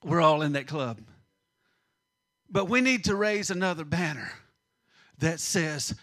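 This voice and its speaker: A middle-aged man preaching a sermon, swinging between loud emphasis and hushed asides. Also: a little high, animated, measured pace. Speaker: pastor.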